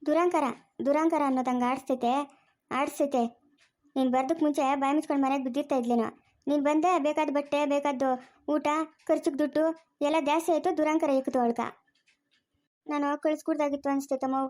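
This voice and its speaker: A woman's voice: high-pitched, steady tone, darkish tone, close to an everyday voice. Woman playing a scolding village grandmother. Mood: lecturing. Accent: rural Chikkaballapur Kannada. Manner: scolding, rapid and raised. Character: sharp-tongued scolding grandmother, mother figure. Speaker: grandmother character. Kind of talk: family drama acting.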